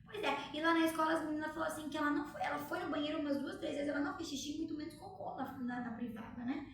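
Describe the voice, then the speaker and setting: Chatty mom in an echoey room. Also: female voice, sits high, steady tone, very fast, far from the mic, a little hiss or hum. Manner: chatty, storytelling, asks viewers for reactions. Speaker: mother. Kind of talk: casual chat to viewers. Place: room at home.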